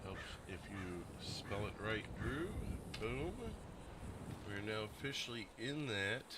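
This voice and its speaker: A man's voice: lowish voice, lively intonation, slow pace, heavy background noise. A man hosting a livestream, chatting casually with viewers at a desk microphone in a rambling, self-deprecating way with lots of fillers. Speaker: livestream host. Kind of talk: casual chat with stream viewers.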